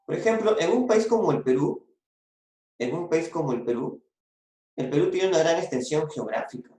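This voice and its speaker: A man's voice: fairly high pitch, lively intonation, normal speed, mellow. A man from Peru with a coastal Peruvian Spanish accent, teaching a secondary school language lesson. He explains step by step, repeats key phrases and tags on little checks like "¿no?" and "¿ya?". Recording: echoey room recording.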